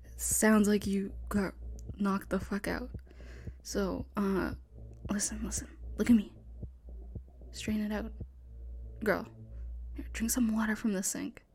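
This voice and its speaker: A young woman voicing a panicked sorority sister hiding from a killer, talking in hushed, frantic whispers and swearing often. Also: mid-range voice, fairly even intonation, measured pace, long pauses, a little hiss or hum, lightly acted. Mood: urgent whisper. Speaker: voice actor in an audio roleplay. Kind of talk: one-sided audio roleplay.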